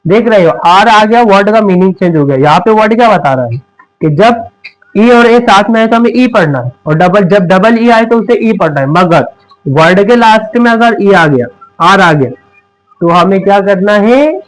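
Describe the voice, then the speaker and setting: A man teaching an English reading lesson at a board, repeating questions and answering them himself, slowing down to spell out letters. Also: high-pitched, lively intonation, rough recording. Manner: repetitive call-and-response questioning; emphatic, slows down to spell out letters.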